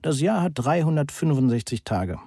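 Ein Mann spricht einen lässigen, ungepflegten älteren Mann mit langen Haaren in einem Hörbuch. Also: male voice, a little high, sing-song, moderate pace, creaky, dark tone, slightly rough, no room sound, studio quality, voice pushed up, heavily acted. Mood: laid-back. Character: scruffy older male student with long hair, laid-back.

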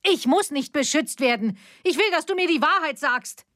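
Woman doing an angry grown daughter, high-pitched, accusing, storybook reading. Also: moderate pace, breathy edge. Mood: furious. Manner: angry, reproachful questioning.

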